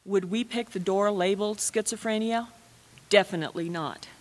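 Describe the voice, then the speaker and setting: A woman's voice: medium pitch, moderate pace. Mother's heartfelt monologue in a hall. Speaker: mother giving a stage monologue. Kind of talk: performed personal monologue. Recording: reverberant hall.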